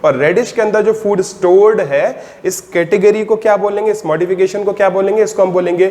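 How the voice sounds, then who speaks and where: A man teaching biology in a mix of Hindi and English, asking the class short questions and answering them himself, and slowing down to dictate definitions. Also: high voice, warm tone. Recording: long reverb, faint background noise.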